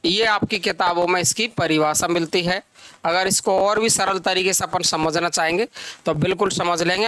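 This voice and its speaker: A man teaching grammar, repeating phrases slowly for dictation and asking and answering his own questions. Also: high-pitched, bright, forceful tone, no echo. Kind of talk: classroom lecture.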